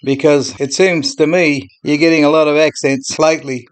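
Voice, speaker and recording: A man's voice: on the high side, steady tone, normal speed. A man with an Australian accent hosting a casual commentary video in a laid-back, plain-spoken way.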